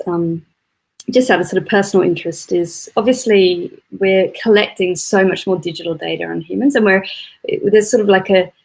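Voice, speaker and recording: A woman's voice: mid-range voice, darkish tone, breathy edge, low-quality recording. A woman moderating a casual panel discussion, chatty, with frequent "like" and "sort of".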